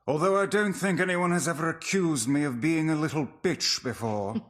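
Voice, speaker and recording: A man playing a proud talking magical book in a video game, formal, deliberate and pompous. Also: a little high, a bit bright, natural voice. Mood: haughty, recovered.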